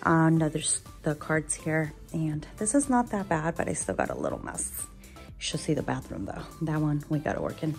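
A woman's voice: low voice, very animated, a little fast, creaky, a little mellow, faint music behind. A young woman chatting casually to her viewers in a voice-over about cleaning her home, rambling with asides. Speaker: cleaning vlogger. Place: home living room.

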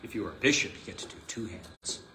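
Talking fast with lively intonation and a fairly low voice, a middle-aged Orthodox priest leads an informal class in a small indoor classroom. He mixes emphatic points with rhetorical questions and side remarks in a conversational style. Recorded from a distance, the audio is echoey with some noise.

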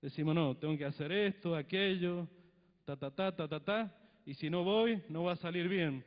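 A man with a slightly high voice, moderate in pace, preaches a chatty sermon in a church hall through a handheld mic. Middle-aged and from Mendoza, he speaks Cuyo Argentine Spanish, relying on frequent tag questions and acting out little dialogues. The hall's long reverb and dull lo-fi sound come through clearly.

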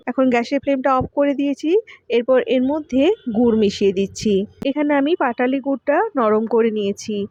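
A woman, host of a cooking channel, calmly narrating a recipe step by step and speaking to her viewers as friends. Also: high voice, no room sound, muffled recording. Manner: calm, instructive, addresses viewers as friends.

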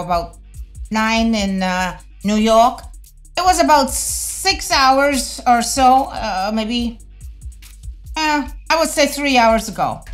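A middle-aged woman vlogs at her desk, her voice pitched high and lively. She talks in a conversational, sermon-like way, tossing in slang. A faint bed of music plays behind her. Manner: animated, conversational, preachy asides with slang. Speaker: vlogger. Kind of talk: casual opinion vlog. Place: home room, indoors. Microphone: fixed camera at desk.

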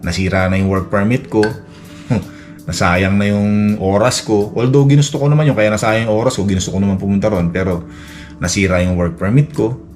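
Isang lalaking vlogger na nakatira sa Canada at kaswal na nagkukuwento ng sariling karanasan, paulit-ulit na nauutal at maraming "ano". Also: male voice, on the low side, fairly even intonation, brisk, darkish tone. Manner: rambling, many restarts and fillers, acts out quoted dialogue. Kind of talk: casual storytelling vlog. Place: Edmonton, Canada. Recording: faint music behind.

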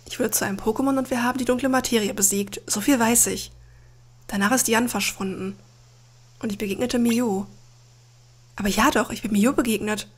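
A woman playing a video game and reading all of its dialogue aloud in her own voice, with dramatic, expressive delivery. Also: fairly high pitch, brisk, long pauses, breathy edge. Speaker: Let's Play gamer.

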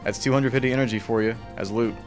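A man's voice: medium pitch, fairly even intonation, quick pace. A young man streaming a video game, chatting casually and saying "man" and "like" a lot. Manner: laid-back, chatty, says "man" and "like" a lot. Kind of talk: casual gameplay commentary. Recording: faint game music behind.

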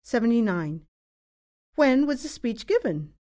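A woman's voice: a little high, sing-song, unhurried, warm tone. A woman test narrator reading numbered exam questions as scripted narration.

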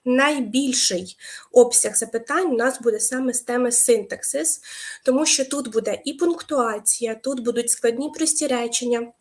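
Young woman, teacher, live online lesson, slightly high voice, patient explaining, hesitant fillers. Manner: explanatory, waits for viewers' answers, hesitant fillers.

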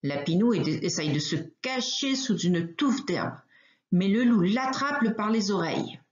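A woman reading a children's picture book aloud at a slow, patient pace. Her voice moves up and down in a very lively way, and the recording sounds roomy and slightly dull. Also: medium pitch. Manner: expressive, unhurried. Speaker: storyteller. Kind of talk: children's story read aloud.

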